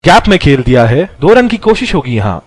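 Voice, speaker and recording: A man's voice: a little high, big pitch swings, fairly quick, husky, dry recording, clean studio sound. A man doing ball-by-ball cricket commentary, describing the play in short calls.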